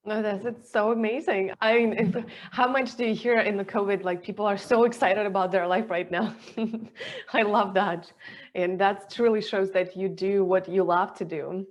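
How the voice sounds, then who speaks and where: A woman's voice: medium pitch, fairly even intonation, moderate pace. A woman hosting a podcast interview, enthusiastic and asking rambling questions in non-native phrasing. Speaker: podcast host.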